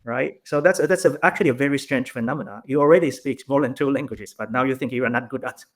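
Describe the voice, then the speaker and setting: Talking fast in a mid-range voice, a young Taiwanese man who speaks many languages chats warmly as a guest on a video call. He laughs frequently while giving casual interview answers.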